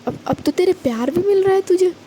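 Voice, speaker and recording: A woman voicing a caring older sister who soothes her sibling in a soft, fond tone in a storybook reading. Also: extremely high pitch, lively intonation, fairly quick, slight background noise, pitched above the performer's own voice. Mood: soothing. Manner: soft, comforting, scolding fondly.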